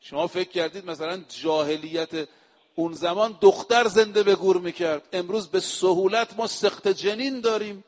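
A male preacher giving a sermon, speaking to his listeners directly and reciting scripture quotes slowly and with emphasis. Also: high-pitched, long reverb tail. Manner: addresses the audience directly. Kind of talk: religious sermon.

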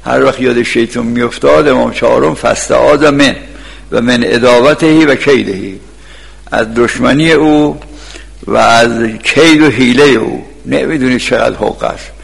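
A man preaching a sermon, telling stories and bursting into loud shouts now and then. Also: medium pitch, gravelly, breathy edge. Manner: storytelling with sudden shouted outbursts. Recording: long reverb in a large hall.

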